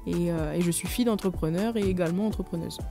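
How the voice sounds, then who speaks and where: Mellow-voiced young New woman. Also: on the low side, quick pace, gravelly, faint music behind. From New Caledonia. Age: 20s. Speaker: guest, company manager. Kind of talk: radio interview.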